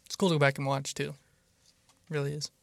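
A man's voice: fairly high pitch, little pitch movement, a little fast, gravelly, no room sound. A man chatting casually as a guest on a podcast in a studio. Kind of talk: casual chat.

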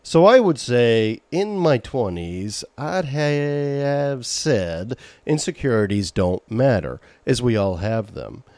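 Medium-pitched and sing-song with a darkish tone, this middle-aged Maine man talks slowly with few pauses and no room sound. Hosting a casual solo podcast, he rambles chattily, reading listener questions aloud and reacting to them in his Maine accent.

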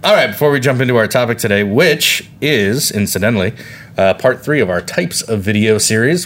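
A man co-hosting a podcast in casual chat, talking in a wry, rambling way. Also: fairly low pitch. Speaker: podcast co-host.

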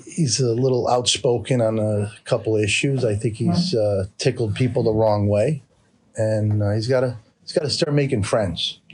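A man's voice: on the low side, moderate pace, darkish tone, slight background noise. A man from Connecticut answering interview questions in a plain-spoken, hesitant way, searching for his words. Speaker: interview guest.

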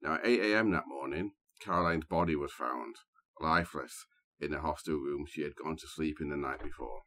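A man hosting a true crime podcast, telling the story in a measured, scene-setting way. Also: very deep voice, a bit bright. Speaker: podcast host. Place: small booth, sharing a room with co-host.

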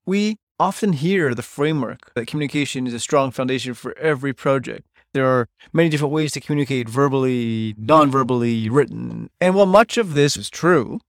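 A man's voice: mid-range voice, expressive, brisk, few pauses, no echo, studio quality. A middle-aged man hosting a solo podcast, talking bluntly and emphatically and swearing freely. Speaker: podcast host.

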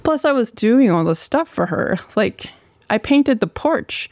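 A speaker with a gravelly, crackling vocal fry from a sore throat, telling a personal story in a candid, informal way with occasional swearing. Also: medium pitch, very animated, a little slow, a little mellow, dry recording, clean studio sound. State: long-running sore throat.

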